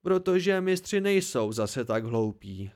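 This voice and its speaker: A man's voice: mid-range voice, sing-song, a little mellow. Man voicing an irritated scolding student. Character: irritable blunt male student friend. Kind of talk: amateur audiobook reading.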